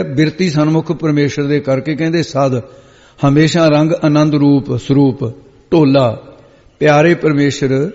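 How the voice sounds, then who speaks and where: A man's voice: on the high side, darkish tone, long reverb tail, muffled recording. A man teaching the meaning of scripture line by line and patiently correcting a student's pronunciation. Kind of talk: line-by-line scripture exposition lesson.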